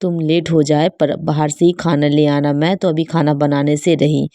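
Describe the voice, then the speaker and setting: A woman voicing a sulky, lazy elder daughter-in-law, read in a flat, even storybook manner. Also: sits low, normal speed, no room sound, studio quality.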